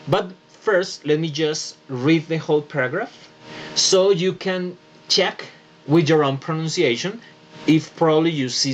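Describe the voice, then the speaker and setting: A man's voice: a little high, a little hiss or hum. A man teaching English pronunciation in an online class, patiently explaining and checking in with students. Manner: switches between Spanish and English, patient explaining with frequent "¿listo?". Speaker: English tutor. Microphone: computer mic on a video call.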